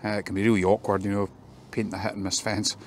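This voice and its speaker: A fencing contractor films himself walking through a job outdoors in a garden, explaining it in plain, practical terms with plenty of ums. His voice sits on the low side, level in tone and fast, with slight background noise. It's a casual work vlog walkthrough.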